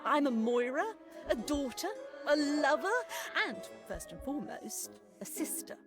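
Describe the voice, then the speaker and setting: An actress voicing an airy, new-age goddess of fate in a video game, gushing and calling everyone darling. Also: female voice, sits high, measured pace. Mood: breezy, dreamy. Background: game music.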